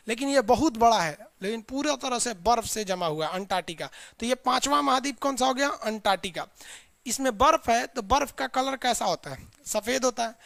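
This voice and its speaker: A man's voice: extremely high pitch, creaky, pushed and bright, no room sound. Man drilling a class in a dry room. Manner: drills students with repeated call-and-response lists; colloquial, chiding asides to students. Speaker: teacher. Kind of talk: live online class lecture.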